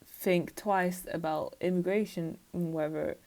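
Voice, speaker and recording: A woman's voice: on the low side, steady tone, a little slow, a little mellow. Woman vlogger, casual rambling monologue, self-mocking, plenty of fillers.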